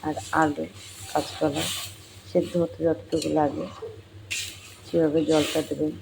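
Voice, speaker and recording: A home cook with a voice gone hoarse from a cold, explaining a recipe step by step and addressing viewers as friends. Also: medium pitch, level tone, measured pace, background noise. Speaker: home cook hosting a cooking channel. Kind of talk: cooking tutorial with step-by-step talk. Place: home kitchen. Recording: home kitchen with sizzling and clattering pans.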